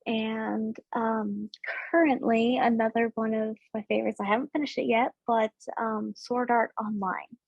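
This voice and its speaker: A woman's voice: on the high side, steady tone, measured pace, vocal fry, breathy edge, no echo. A woman guest chatting casually on a roundtable podcast, hesitant, with many ums and restarts. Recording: dull lo-fi audio.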